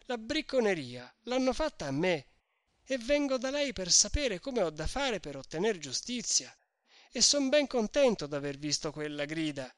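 A man's voice: high voice, very animated, moderate pace, no echo, studio quality, voice pushed up. A man doing an earnest young peasant, pleading. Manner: pleading, eager, raised voice.

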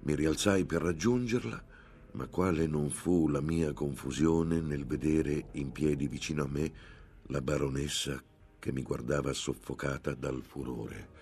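A man reading a first-person literary story aloud as an audiobook narrator, in a measured, dramatic way. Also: a bass voice, darkish tone, a little hiss or hum.

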